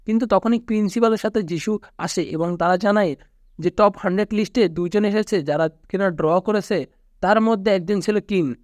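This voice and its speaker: High-voiced Bangladeshi man narrating a recap. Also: moderate pace, dry recording, clean studio sound. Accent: Bangladeshi Bengali. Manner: steady storytelling recap, quoting characters flatly. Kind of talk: scripted narration.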